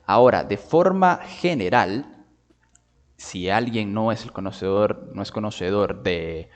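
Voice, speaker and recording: A man giving a patient video lesson on phonetics, drawing out sounds slowly to demonstrate them and often checking in with his listeners. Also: on the low side, lively intonation, in a large hall. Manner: checks in with "¿vale?" and "¿ok?". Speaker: linguistics teacher.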